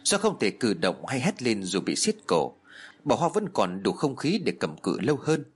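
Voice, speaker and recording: Husky man telling a horror tale. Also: mid-range voice, normal speed. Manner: lively, dramatic. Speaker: narrator. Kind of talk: dramatic horror storytelling.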